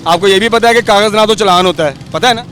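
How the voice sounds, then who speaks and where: High-voiced man questioning on the street. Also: fast talker, a bit bright, faint music behind. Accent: Pakistani Urdu. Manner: pressing, probing questions. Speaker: street reporter. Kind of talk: on-the-street news report. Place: roadside outdoors in city traffic. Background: traffic.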